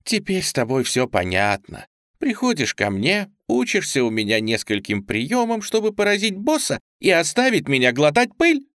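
A man's voice: fairly high pitch, huge pitch swings, normal speed, a bit bright, no echo, voice pushed up. A man voicing a proud, hot-tempered young woman cook who speaks sharply and indignantly, close to tears.

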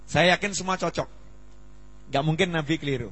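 A man in his forties giving a humorous sermon at a study gathering, lively and acting out dialogue with big jumps in voice. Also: on the high side, normal speed. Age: 40s. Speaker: preacher. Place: Islamic study gathering hall. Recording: long reverb in a hall.

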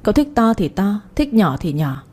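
A powerful older magistrate, voiced by a woman issues cold, measured threats. His speech is commanding and menacing. The voice is dark and husky. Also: sits high, big pitch swings, exaggerated voice.

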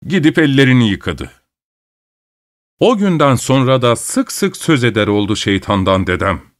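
A man reading a folk tale aloud as a storyteller, lively and expressive, with acted-out exclamations. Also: mid-range voice, moderate pace. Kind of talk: scripted narration.

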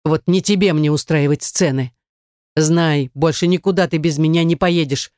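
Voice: mid-range voice, moderate pace, darkish tone, dry recording, close to an everyday voice. Stern, domineering jealous man voiced by the audiobook reader; growling, dry sound. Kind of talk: audiobook dialogue.

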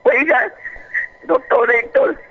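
A woman calling in to a radio show, telling her story in a fervent, halting, repetitive way. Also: high-pitched, big pitch swings. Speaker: radio call-in caller. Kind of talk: emotional personal testimony. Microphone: telephone. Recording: muffled phone line on AM radio.

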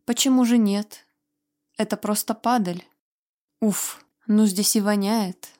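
A woman's voice: mid-range voice, steady tone, slow, a little mellow, close to an everyday voice. Audiobook: woman reading callous, unruffled man, dry and dismissive. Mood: cool, mocking. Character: cold, unflappable man, callous and mocking.

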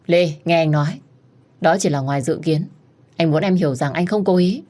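A woman voicing a hesitant young husband torn between two women, in a soft, apologetic audiobook reading. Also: sits low, moderate pace, close to an everyday voice.

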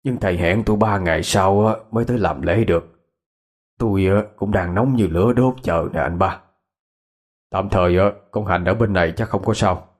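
A man voicing a worried older father who apologizes humbly and hesitantly, with a Southern Vietnamese accent. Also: low-pitched. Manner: hesitant, humble, full of 'à' pauses.

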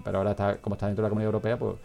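A man's voice: lowish voice, monotone, racing, creaky, mellow, faint music behind. A man hosting a casual comedic radio chat, rambling and joking and often trailing off mid-sentence. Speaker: podcast host.

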